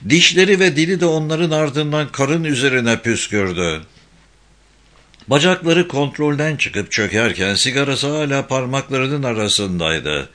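A man narrating a crime novel audiobook in a steady, even reading. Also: medium pitch, measured pace. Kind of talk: scripted narration.

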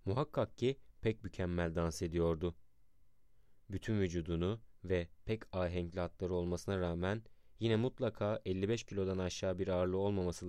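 A man narrating a historical account in a measured, dramatic reading style. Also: sits low, dark tone, clear, resonant tone, dry recording, clean studio sound.

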